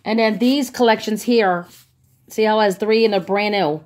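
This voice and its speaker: In this casual phone-recorded haul, a vlogger gushes over the bargains she found, chatting eagerly and saying um a lot. Her voice sits at medium pitch, moves at normal speed and sounds a little mellow.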